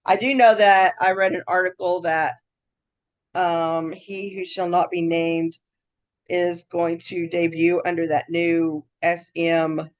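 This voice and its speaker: A woman's voice: lowish voice, level tone, takes it slowly. A woman co-hosting a casual podcast, chatting and reading out news in a scattered, easily sidetracked way, saying her R's like W's. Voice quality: trouble saying R's, w-like R sounds. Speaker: podcast co-host.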